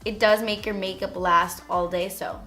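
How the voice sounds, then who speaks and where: A woman's voice: mid-range voice, fairly even intonation, moderate pace, sharp tone, soft background music. Chatty young woman doing a makeup tutorial. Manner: chatty, frequent "like" fillers. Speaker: beauty vlogger.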